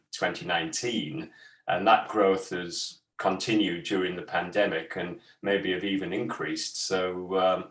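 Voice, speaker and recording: A man's voice: low voice, a bit bright. A man speaking as a sector advisor over a video call, hesitant and full of ums and restarts, in an echoey room far from his mic. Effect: heard over a video call.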